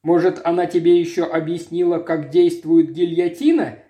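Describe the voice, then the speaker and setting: A man's voice: sits high, very animated, unhurried, darkish tone, voice pushed up, full character voice. A man voicing a brusque, impatient police commissioner in a detective story. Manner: brusque, barking.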